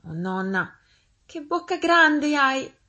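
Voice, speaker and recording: A woman voicing a cheerful little girl in a fairy tale, speaking high and eager. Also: sing-song, normal speed, husky. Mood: chirpy.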